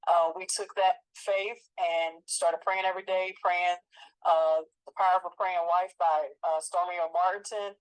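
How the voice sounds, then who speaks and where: A woman in her forties talking in a relaxed, reflective way about her own experience, with frequent fillers and restarts. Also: fairly low pitch, measured pace, clear, resonant tone, low-quality recording. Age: 40s. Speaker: co-host. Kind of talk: casual conversation.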